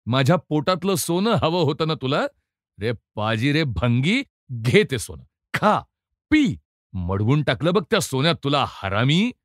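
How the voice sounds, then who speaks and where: A crude, defiant male prisoner with a lively, swooping voice, cunning and set on revenge, as a man reads him aloud. He taunts and jeers in a storybook telling, and the voice sits close and dry, with no room sound. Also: fairly high pitch, a little slow, no room sound. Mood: jeering. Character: vengeful, foul-mouthed male convict, cunning and defiant.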